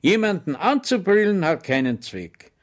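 A man voicing a friendly but cunning village police sergeant who talks in a smooth, mockingly polite way. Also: high voice, big pitch swings, normal speed, voice pushed up. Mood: coaxing.

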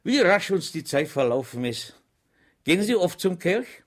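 A man putting on a high, chatty, simple-hearted soldier. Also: sing-song, normal speed. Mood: cheerful. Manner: cheerful, rambling, naive confidence. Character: simple good-natured chatty male soldier.

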